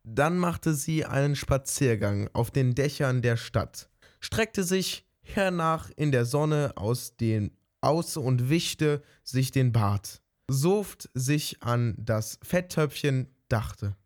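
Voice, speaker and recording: Guy reading a fairy tale out loud, slow, fixes little slips, average pitch. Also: expressive. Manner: unhurried, small slips corrected. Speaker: storyteller.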